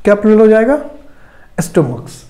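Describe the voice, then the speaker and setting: A young Indian man gives a classroom grammar lecture, his voice high-pitched yet mellow and soft-edged. He keeps asking questions and then answering them himself, walking through each rule one step at a time. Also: sing-song, moderate pace. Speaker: English grammar teacher.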